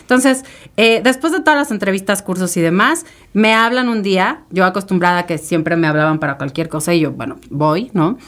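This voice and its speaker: A woman's voice: medium pitch, fairly quick, fairly bright tone. A woman, a podcast guest telling a personal story in an emotional, rambling way with many fillers and tag questions. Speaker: interview guest.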